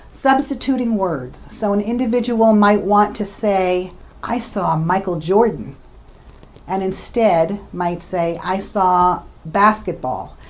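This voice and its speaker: A woman researcher giving a lecture, explaining points and giving examples, with occasional fillers. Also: medium pitch. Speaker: researcher lecturing on communication disorders. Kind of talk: recorded lecture presentation.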